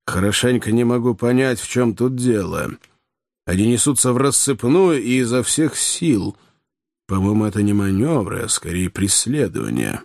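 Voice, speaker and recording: A man voicing an excitable male hunter in an audiobook, speaking with urgent alarm. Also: lowish voice, normal speed, vocal fry, no room sound, clean studio sound. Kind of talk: audiobook character reading.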